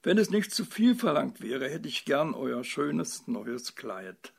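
A man voicing a practical, sharp-tongued old farmer's wife in a storybook reading. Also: on the high side, big pitch swings, creaky, breathy edge, full character voice. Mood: coy. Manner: brisk, scolding.

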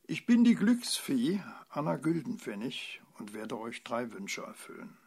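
A man's voice: mid-range voice, big pitch swings, a little slow, creaky, a little mellow, husky, exaggerated voice. A man voicing a cheerful young fairy who grows desperate as her wishes are refused, in a storybook reading. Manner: eager, increasingly desperate pleading. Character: flustered young female good fairy.

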